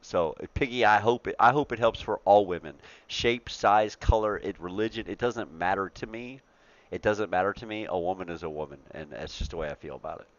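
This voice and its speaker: A man's voice: lowish voice, a little fast, no echo, highs cut off. A man in his forties hosting a trucking talk show in casual, profane chat, laughing often and repeating himself. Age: 40s.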